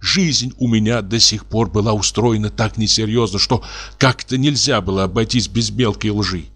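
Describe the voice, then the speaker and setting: A remorseful husband, soothing and tender, his voice low and soft, as a male reader plays him. He talks gently and earnestly, pleading to be believed. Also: fairly even intonation, moderate pace, slightly rough.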